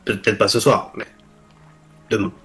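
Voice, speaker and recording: A man taking part as a player in a tabletop game, talking casually and haltingly. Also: on the low side, flat delivery, a bit bright, faint music behind.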